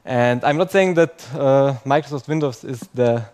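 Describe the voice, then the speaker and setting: At a live conference talk, a young man speaks English as a second language in a mid-range, darkish-toned voice at normal speed. He keeps things chatty and self-mocking, and many of his points end with "okay?".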